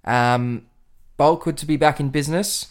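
A man's voice: a little high, moderate pace. A man with an Australian accent hosting a casual football podcast, speaking in a laid-back, colloquial, blokey way. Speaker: podcast host.

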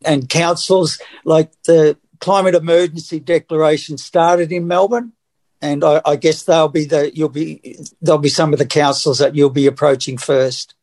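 Upbeat male co-host, slightly high. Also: steady tone, moderate pace, a little mellow. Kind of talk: casual radio chat.

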